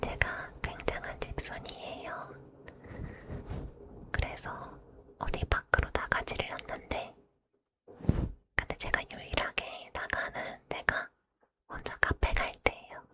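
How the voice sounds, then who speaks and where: A woman ASMR host chatting casually to listeners in a soft, polite, breathy whisper. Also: takes it slowly, pauses often.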